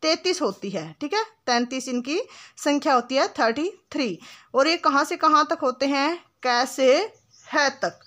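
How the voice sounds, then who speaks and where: A woman with a high voice teaches grammar in a patient classroom manner. She stretches sounds and examples out slowly. She keeps asking the students questions and then answers them herself. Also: animated, a bit bright. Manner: asks questions and answers them herself, often adds "ठीक है"; calls the listener "बेटा", patient and instructive. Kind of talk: classroom lesson explanation.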